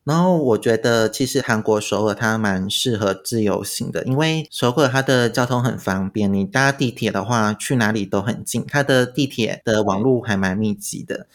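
A man's voice: on the low side, normal speed, hardly any pauses. A man with a Taiwanese Mandarin accent chatting casually as a guest, recounting his travels. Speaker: podcast guest recounting a trip. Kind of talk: casual chat.

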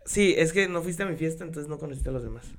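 A man's voice: a little high, expressive, fast talker, gravelly, a little hiss or hum. A young man with a northern Mexican accent in casual chat as a podcast co-host, joking, interjecting and using lots of slang. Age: young adult.

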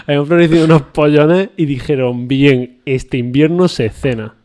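A man's voice: a little high, normal speed, a little mellow. A man hosting a casual chat podcast, joking and spinning absurd stories in a mock-serious tone. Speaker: podcast host.

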